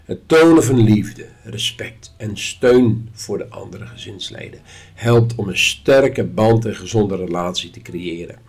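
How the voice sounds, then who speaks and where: A man giving a calm, instructive spoken lesson at a measured pace. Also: on the low side, slightly rough. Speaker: course teacher.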